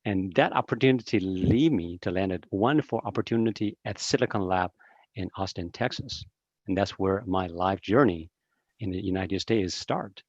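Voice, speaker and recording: Giving an encouraging online seminar over video call, a Taiwanese man in his fifties uses a fairly low voice and many hesitant fillers. The recording is dry, dull video-call audio with no room sound.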